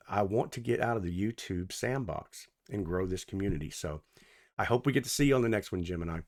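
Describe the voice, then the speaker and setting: A man giving a casual, playful tarot reading to camera, chatty and rambling, swinging between loud and soft. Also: fairly low pitch. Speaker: tarot reader.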